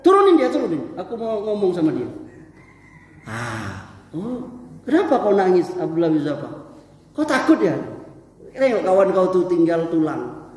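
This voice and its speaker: A preacher doing a gruff Roman king. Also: high-pitched, very animated, unhurried, pauses often, darkish tone. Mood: taunting. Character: haughty Roman king, male, older, commanding then yielding. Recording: echoey hall with long reverb.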